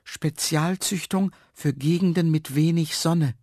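A man voicing a small, cheerful man in a storybook reading, high and eager. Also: unhurried, a little mellow, no room sound, clean studio sound. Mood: excited.

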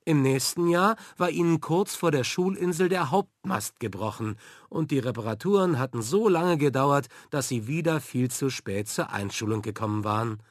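Brief: a male audiobook narrator for a children's story, expressive and measured, with plenty of melodic movement. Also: medium pitch, no room sound, clean studio sound.

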